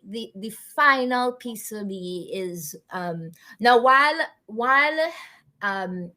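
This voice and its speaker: On a conversational podcast, a woman guest from Canada talks in an earnest, reflective way, often restarting and using fillers. She has a medium-pitched voice with a sharp tone.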